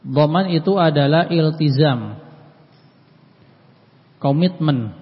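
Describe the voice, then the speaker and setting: A man leads a religious study lesson, reciting passages and then explaining them in plain words. His voice sits somewhat high and he clears his throat often. The recording is dull and lo-fi, with long reverb from a large hall. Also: lively intonation, takes it slowly. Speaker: Islamic study teacher.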